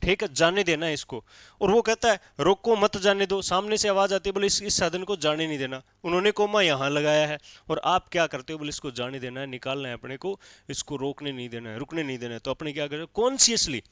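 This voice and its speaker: Guy teaching a class, bit high voice, keeps checking in, dry close sound. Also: fast, a bit bright, no room sound. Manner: explains step by step with frequent checks like "theek hai". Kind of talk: classroom lecture.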